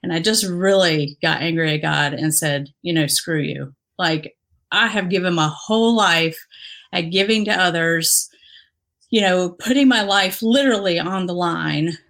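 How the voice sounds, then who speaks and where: Speaking at a measured pace with some vocal fry, a woman with a lowish, slightly bright voice recalls her time as a police officer. She grew up in the Dominican Republic and comes across as earnest and thoughtful in this casual interview, full of fillers and false starts.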